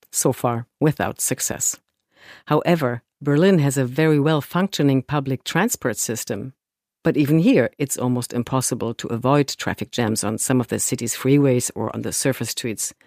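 A man's voice: medium pitch, darkish tone, no room sound, studio quality. A man hosting and narrating a scripted documentary report in an explanatory way. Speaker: host, reporter. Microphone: close dry narration mic.

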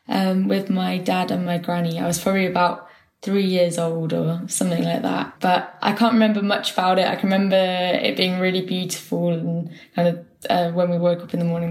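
A young woman from the UK, a composer speaking calmly and reflectively as an interview guest. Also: fairly low pitch. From United Kingdom. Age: young adult. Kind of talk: casual reflective conversation.

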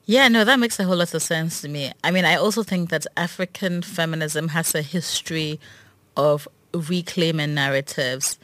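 A woman's voice: sits low, normal speed, a bit bright, no room sound. A woman co-hosting a podcast, chatting casually with a friend, enthusiastic and thinking aloud with lots of fillers. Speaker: podcast co-host. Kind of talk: casual conversation between friends.

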